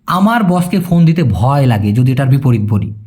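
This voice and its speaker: A man giving a casual language lesson, patiently repeating phrases slowly and asking if it is clear. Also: medium pitch, sing-song, darkish tone. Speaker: language teacher.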